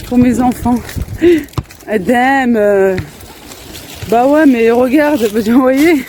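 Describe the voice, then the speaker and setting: A woman's voice: sits high, dark tone. A woman in her thirties chatting casually in a family vlog, laughing often and breaking off to talk to her children outdoors. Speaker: family vlogger. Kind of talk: casual vlog chat while out with her kids. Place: outdoors in a park. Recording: faint outdoor street noise.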